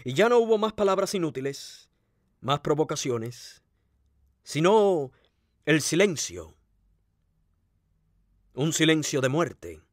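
Man, audiobook narrator, fairly high voice, dry close sound, dramatic. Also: takes it slowly, long pauses, no echo. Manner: expressive, dramatic reading.

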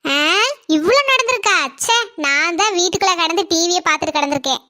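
A woman's voice: very high-pitched, expressive, fast talker, sharp tone, heavily acted. A woman voicing a gossipy, stingy middle-aged housewife in a cartoon, with a Kanyakumari Tamil accent and a tart, chatty manner. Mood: gossiping. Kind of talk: cartoon comedy dialogue.

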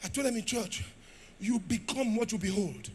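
A man with a Nigerian accent preaching a sermon, shouting at times and dropping to low asides. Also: normal speed, a little hiss or hum. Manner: rugged preaching style. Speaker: pastor.

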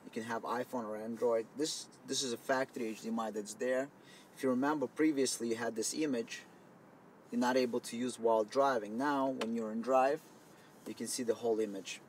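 A man's voice: mid-range voice, steady tone, a little fast. A man giving a loose, conversational product demo inside a car, explaining as he goes, recorded on a camera mic. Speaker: product demonstrator. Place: inside a car, partly outdoors in wind. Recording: faint wind noise on camera mic.

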